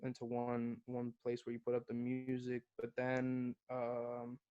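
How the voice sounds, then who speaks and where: Laid-back young man, flat delivery. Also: mid-range voice, measured pace, smooth, muffled recording. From Guatemala. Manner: laid-back, swears freely, calls the host bro. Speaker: podcast guest, hip-hop artist. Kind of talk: casual interview chat.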